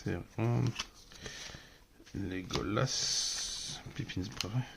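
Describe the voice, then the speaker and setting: A man's voice: fairly low pitch, extremely slow, gravelly, heavy background noise. A man with a French accent casually commenting while opening card packs, mumbling card names aloud as he goes. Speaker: card collector opening boosters.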